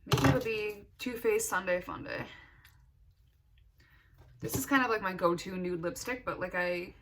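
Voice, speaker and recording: A young woman talks to her viewers in a casual get-ready-with-me style. Her voice sits at a middle pitch, and she has retainers in as she speaks. She thinks out loud in an informal, chatty way. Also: a little slow, background noise. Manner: talking with retainers in. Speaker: beauty vlogger.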